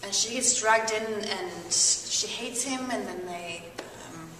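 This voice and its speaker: A woman's voice: medium pitch, takes it slowly. A woman, a stage actor, answering interview questions with giggles and keeping plot details coy. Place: theatre hall. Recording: distant mic in echoey theatre, noisy.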